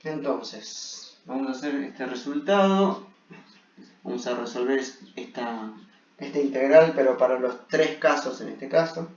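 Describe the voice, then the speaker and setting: A man's voice: medium pitch, a little slow. A man giving an engineering lecture at a blackboard, explaining step by step with frequent check-in questions. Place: echoey room at a blackboard. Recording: echoey room, muffled, distant mic.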